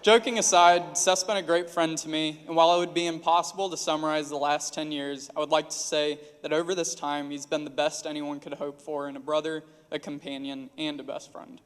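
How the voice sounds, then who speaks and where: Man, twenties, slightly high voice, formal best man wedding toast, long hall reverb. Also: flat delivery, fairly quick, hardly any pauses, clear, resonant tone. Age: 20s. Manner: formal, prepared phrasing.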